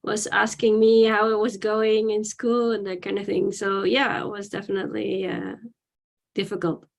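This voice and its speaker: A woman's voice: medium pitch, little pitch movement, moderate pace, creaky. A woman in her forties from the Netherlands, a guest telling her life story candidly and reflectively in an interview. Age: 40s. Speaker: podcast guest.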